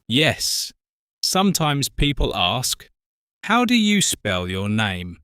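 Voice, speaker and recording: A British man in his forties co-hosting an English lesson podcast, speaking slowly and clearly for learners. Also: medium pitch, huge pitch swings, pushed and bright, dry recording, clean studio sound. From Britain. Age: 40s. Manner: slow, careful, spells out words. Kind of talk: slow scripted teaching talk.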